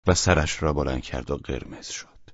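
A man narrating a classic novel in a measured storytelling manner as an audiobook reader. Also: a bass voice, no echo. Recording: dull lo-fi recording.

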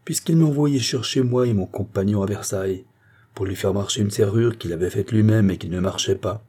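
A man's voice: lowish voice, fairly quick, warm tone, close to an everyday voice. A man doing a sick, bitter old locksmith. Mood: resentful. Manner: resentful, grumbling.

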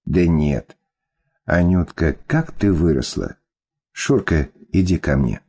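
A whiny, self-pitying middle-aged ex-husband, voiced by a man. He pleads and sulks in a low, dark voice with a husky edge. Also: expressive, slow, full character voice. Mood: pleading. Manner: pleading, whining.

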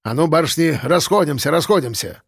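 A man's voice: a little high, sing-song, moderate pace, dry recording, studio quality. A male narrator voicing a stern man of about fifty who gives orders in a strict, habitual tone. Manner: strict, commanding. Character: stern man around fifty, caretaker type. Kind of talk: audiobook character voice.

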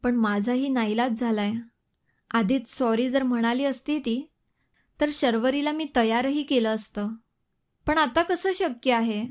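A woman's voice: fairly high pitch, unhurried, natural voice. A woman voicing a troubled young man brooding over his guilt in a Marathi audio story. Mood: regretful. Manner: brooding inner monologue.

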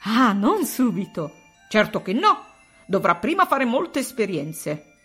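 A woman voicing a giddy, boastful male guardian angel who flutters about and talks in excitable bursts. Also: medium pitch, slightly rough, soft background music, exaggerated voice. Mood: eager. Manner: quick, excitable, pleading in bursts.

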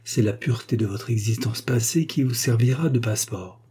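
Man doing a calm fatherly lawyer, reassuring, dark husky voice. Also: mid-range voice, a little fast, close to an everyday voice. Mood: kindly. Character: kindly, fatherly middle-aged male lawyer.

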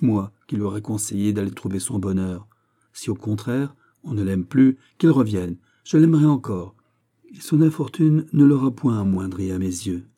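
A man's voice: on the low side, mellow, lightly acted. A man reading aloud, voicing a proud young noblewoman with an impassioned, pleading manner.

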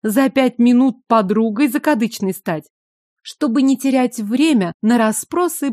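Female audiobook narrator, fairly high voice, wry first-person delivery, dry close recording with no room sound. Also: darkish tone, no room sound. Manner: wry, sardonic inner voice.

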